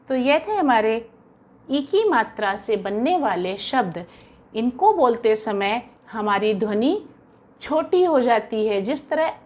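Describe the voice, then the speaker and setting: A woman teacher slowly spelling out words sound by sound for young children, patient and instructive. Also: a little high. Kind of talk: slow, careful classroom dictation for young children.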